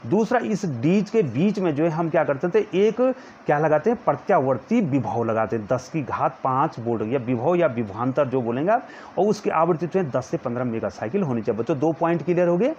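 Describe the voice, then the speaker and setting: A man teaching a physics lesson to students, slowly dictating notes and pointing at a diagram as he explains. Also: a little high, lively intonation, darkish tone. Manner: calls students "children" in nearly every line, repeats words slowly for dictation. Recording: dull lo-fi sound with faint background noise.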